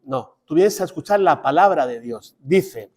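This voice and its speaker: Priest giving a chatty parish talk. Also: male voice, fairly high pitch, lively intonation, a little slow, darkish tone, slightly rough. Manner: conversational and digressive, with restarts and direct asides to listeners.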